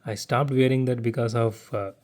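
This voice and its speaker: A man hosting a casual model car unboxing vlog from his living room, talking haltingly with stutters and restarts. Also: medium pitch, steady tone, a little mellow. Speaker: diecast model car unboxing channel host. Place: home living room without air conditioning.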